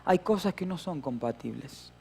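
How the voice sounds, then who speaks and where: High, gravelly-voiced Rioplatense pastor. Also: male voice, expressive, normal speed, soft background music. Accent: Rioplatense Spanish. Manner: storytelling with playful humor, acting out shouts and voices. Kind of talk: sermon.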